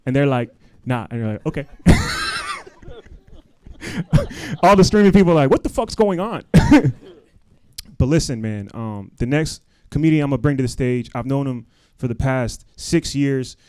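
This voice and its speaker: A man's voice: mid-range voice, huge pitch swings, a little slow, pauses often, darkish tone, no echo. A man hosting a live comedy show, joking loosely with the crowd and laughing often between lines. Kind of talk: stand-up emcee banter. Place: live comedy stream venue.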